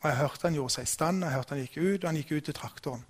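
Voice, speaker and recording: Slightly high-voiced storytelling pastor. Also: male voice, slightly rough. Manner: storytelling, conversational with restarts. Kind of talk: sermon.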